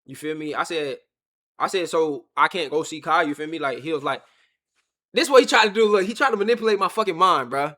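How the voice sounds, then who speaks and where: Animated young man telling a story. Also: fairly high pitch, a little fast. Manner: animated, acts out the other people's lines. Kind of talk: casual storytelling to chat. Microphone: webcam or phone on a stand.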